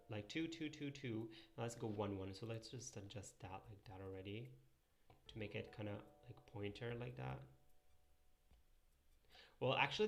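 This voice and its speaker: Drawing pixel art on stream, a young man who speaks Italian as his first language casually muses aloud and replies to chat messages. His voice sits fairly low, with a creaky quality and a slight brightness.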